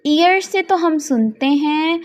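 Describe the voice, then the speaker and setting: A woman's voice: high-pitched, animated, slow pace. A woman teacher, patiently explaining quiz answers, repeating each question and translating the English lines. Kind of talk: slow tutorial narration over slides.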